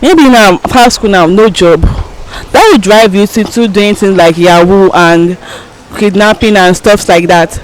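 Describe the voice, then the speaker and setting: A woman's voice: mid-range voice, a little slow, a little hiss or hum, poor audio. A young woman with a Nigerian accent speaks off the cuff as an interviewee. She is outdoors, answering in an everyday conversational way. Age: young adult. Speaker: street interviewee.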